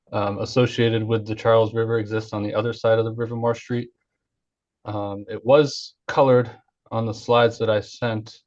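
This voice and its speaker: A man presenting an engineering project over an online video call, hesitant and full of fillers. His voice sits on the low side and stays flat. The call audio is dull and lo-fi. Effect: heard over an online video call. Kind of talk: formal project presentation at a public hearing.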